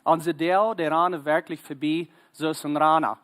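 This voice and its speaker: A man. He talks haltingly, with many fillers and stray English words mixed into his sermon. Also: a little high, steady tone, fairly bright tone. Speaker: preacher.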